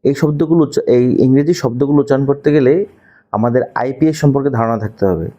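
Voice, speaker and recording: Mellow-voiced Bangladeshi man teaching pronunciation. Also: mid-range voice, highs cut off. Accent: Bangladeshi Bengali. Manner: steady, repeats key words slowly for learners. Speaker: English teacher. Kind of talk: pronunciation lesson to camera.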